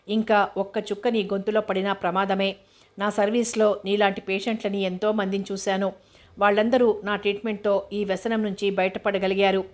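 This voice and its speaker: A woman's voice: mid-range voice, close to an everyday voice. Woman reading as a lecturing male doctor. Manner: lecturing, advising. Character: middle-aged male doctor, lecturing and assured.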